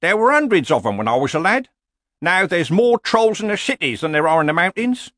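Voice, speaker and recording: A man's voice: high-pitched, big pitch swings, a little fast, sharp tone, no echo, clean studio sound, voice pushed up, full character voice. A man voicing an elderly barbarian hero in a storybook, grumpy, stubborn and world-weary, with a blunt, grumbling manner. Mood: nostalgic, determined.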